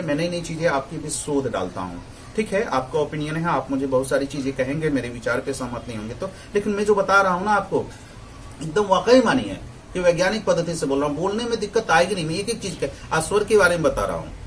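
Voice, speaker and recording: Guy teaching how to say vowels, drawn out sounds, a bit high pitched, faint hiss behind. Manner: drawn-out demonstration of vowel sounds, frequent "है ना?" check-ins; digresses into opinionated asides. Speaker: Hindi pronunciation teacher. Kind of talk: lecture explaining vowel articulation.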